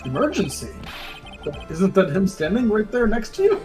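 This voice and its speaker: A man playing a stern older male judge in his own plain voice, unhurried and questioning. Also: sits high, big pitch swings, darkish tone, soft background music. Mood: doubtful.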